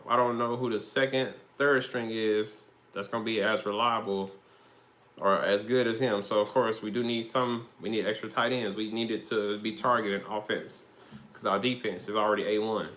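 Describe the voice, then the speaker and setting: A man's voice: on the low side, steady tone, normal speed, fairly bright tone. A young man, hosting a casual, rambling football monologue with slang and swearing. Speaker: host.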